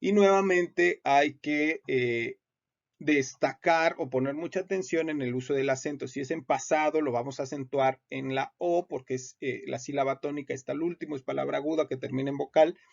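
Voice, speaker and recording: A man explains spelling rules for court documents in a patient lecture. His fairly high voice carries a gravelly edge. The sound is muffled and lo-fi. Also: moderate pace. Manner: patient, repeats points with many hesitations. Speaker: teacher. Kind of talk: explanatory lecture on legal writing. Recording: muffled lo-fi audio.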